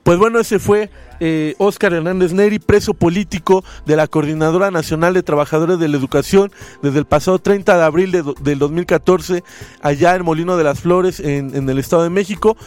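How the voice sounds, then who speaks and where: A man's voice: on the high side, a little fast, dry recording. A man, a radio host who reads a story expressively and then chats with guests. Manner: expressive reading, voices quoted lines loudly. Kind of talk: dramatic story reading, then casual radio chat.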